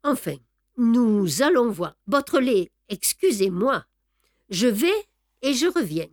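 A woman's voice: a little high, very animated, slow, a little mellow, no echo, clean studio sound. A woman reading the lines of a formal, fussy male examining judge.

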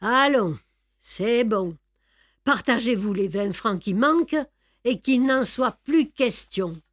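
A woman's voice: fairly high pitch, animated, slow, no echo. A woman plays a mocking male army officer in a storybook reading, raised and scornful, barking his words with brusque authority. He sounds dry and close, with no room around him. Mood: dismissive.

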